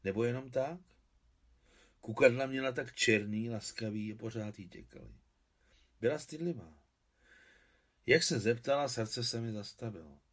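A man's voice: mid-range voice, long pauses, a bit bright, lightly acted. A man voicing a brooding old war veteran. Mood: musing. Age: older. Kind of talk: audiobook reading.

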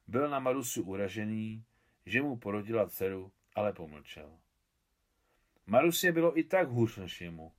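Man reading a novel out loud, low voice, slow and expressive. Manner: measured, expressive. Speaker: translator reading his translation. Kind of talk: literary reading.

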